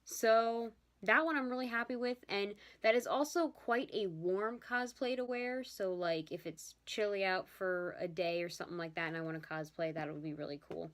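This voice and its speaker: A woman's voice: mid-range voice, moderate pace, hardly any pauses, a bit bright. A young woman chatting casually in a vlog about her handmade costumes, talkative and often apologizing. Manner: chatty, apologetic, yawning at times. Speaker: vlogger showing her handmade cosplays. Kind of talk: casual chat.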